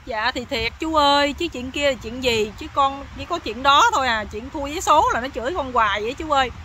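A naive, downcast young husband, as a woman storyteller puts him on, pleading mournfully in a Southern Vietnamese accent. His voice sits high and bright. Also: expressive, a little fast, slight background noise.

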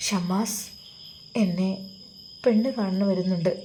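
Woman doing a quiet worried girl, mellow hushed voice. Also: mid-range voice, fairly even intonation, a little slow, slight background noise, close to an everyday voice. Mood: hesitant. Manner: quiet, hesitant, close to tears. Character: worried young woman, soft and pleading.

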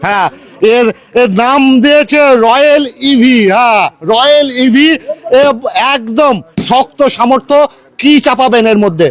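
High-pitched West Bengal man announcing offers. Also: a little slow. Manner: salesy announcing of offers, repeating key phrases. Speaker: on-location presenter and interviewer. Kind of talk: promotional live video commentary.

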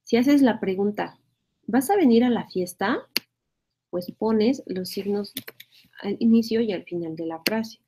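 Female teacher, mellow tone, patient and repetitive, faint hiss in the background. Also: mid-range voice, animated, measured pace. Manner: explanatory, repeats phrases, checks in with "¿verdad?". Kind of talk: spelling lesson.

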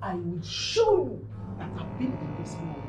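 A woman's voice: huge pitch swings, measured pace, darkish tone, echoey room, faint music behind. An actress with a Nigerian accent playing a scornful, scheming mother who scolds harshly. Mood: menacing. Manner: scornful, scolding, sudden pitch jumps.

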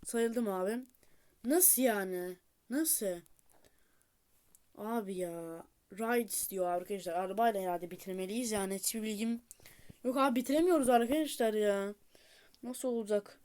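A woman's voice: mid-range voice, normal speed, long pauses, darkish tone, smooth. A woman giving casual gameplay commentary to her viewers, repeating urgent pleas and cheers as she plays. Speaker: gameplay streamer.

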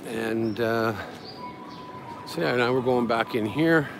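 He has a medium-pitched voice and a slow delivery, rambling casually while walking as a live-streaming travel vlogger and guide. The setting is a busy outdoor market street, recorded with street crowd and passing traffic audible.

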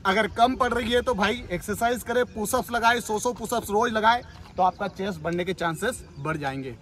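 Young man, army physical trainer, very high voice, brisk teasing commands. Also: a bit bright. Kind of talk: instructional coaching video with live drills.

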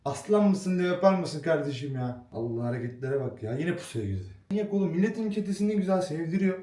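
A man's voice: on the high side, animated, fast talker, warm tone, echoey room. A young man vlogging casually at home, joking around and scolding his cat in slangy talk. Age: young adult. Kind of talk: casual vlog chat. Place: small home indoors.

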